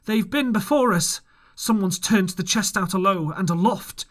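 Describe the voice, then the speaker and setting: A man voicing a rough male pirate who calls loudly down from a window. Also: high voice, moderate pace, pitched above the performer's own voice. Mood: shouting. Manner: loud calling out.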